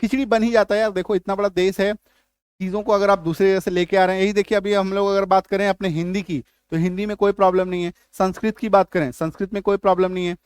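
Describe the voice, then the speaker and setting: A man's voice: high voice, little pitch movement, fast, clear, resonant tone, no echo, clean studio sound. A middle-aged man teaching English spelling and pronunciation in Hindi, repeating rules and checking often that his students follow. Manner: repetitive, checks understanding often.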